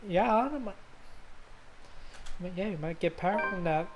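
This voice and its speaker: This game streamer reads a visual novel's narration in a mid-range voice at a moderate pace, breaking off for informal comments and sometimes tripping on words. The background is noisy, with loud game music under her.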